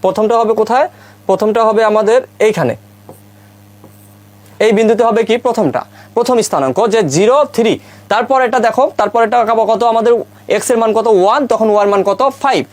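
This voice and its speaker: A man teaching a physics lecture, posing quick questions and answering them himself, with English terms mixed in. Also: high voice, darkish tone. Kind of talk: classroom lecture.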